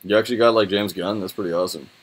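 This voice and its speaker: A young man with a fairly low voice talks through a screen review off the cuff. His delivery is informal and rambling, with loose slang. He sounds like he is at his computer in a small room. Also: fairly even intonation, rapid-fire, low-quality recording. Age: young adult. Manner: informal, rambling, laid-back slangy talk. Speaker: website reviewer. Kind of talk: casual think-aloud screen review.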